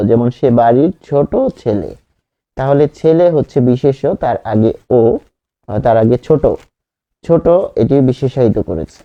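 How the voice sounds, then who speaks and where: A man teaching an exam-prep grammar lesson, speaking slowly, repeating example words and asking the class questions. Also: mid-range voice, dark tone, dull audio.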